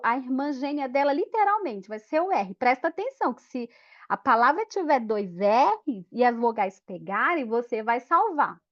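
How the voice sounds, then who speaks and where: A woman giving a lively teacher training talk, acting out classroom scenes in voices. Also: high-pitched. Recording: dull lo-fi sound.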